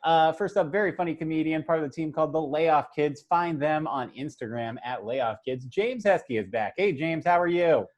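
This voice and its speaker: A man hosting a comedy panel from home over a video call, a touch higher than most men. He banters and riffs loosely, stacking "uh"s and false starts between jokes. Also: moderate pace, hardly any pauses, darkish tone. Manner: jokey, rambling, stacks fillers and restarts. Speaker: host. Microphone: remote video call.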